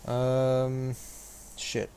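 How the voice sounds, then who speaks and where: A man's voice: mid-range voice, monotone, extremely slow, dark tone. A man hosting a live game stream, chatting casually with viewers and narrating what he does. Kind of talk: casual live gameplay commentary and chat. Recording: clear background noise.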